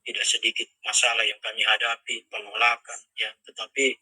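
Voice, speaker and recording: A man's voice: fairly low pitch, little pitch movement, a little fast, pushed and bright, slightly rough, no echo, rough recording. A middle-aged man telling his life story as a personal testimony, in an earnest storytelling way and acting out the dialogue. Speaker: pastor giving a testimony.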